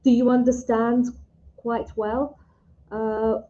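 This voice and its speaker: A British woman tutors English in a relaxed one-on-one online lesson, her fairly high, mellow voice staying level and unhurried. She uses simple, encouraging, teacherly phrases, and the video call audio sounds muffled.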